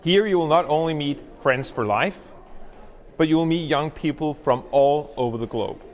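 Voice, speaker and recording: A man's voice: a little high, moderate pace, slight background noise. A man who is the school principal, giving an enthusiastic welcome address. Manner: upbeat, enthusiastic promotional speech. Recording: long hall reverb.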